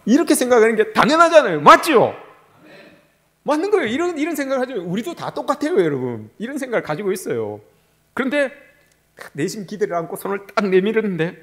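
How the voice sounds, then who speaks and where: Lively man preaching with rhetorical questions. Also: high-pitched. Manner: asks the congregation rhetorical questions. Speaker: pastor. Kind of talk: sermon.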